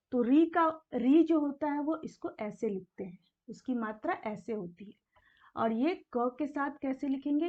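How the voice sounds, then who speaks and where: In a slow, patient beginner's lesson, a Hindi teacher with a high-pitched voice carefully repeats each sound. She poses questions and then answers them herself. The recording sounds dull and lo-fi.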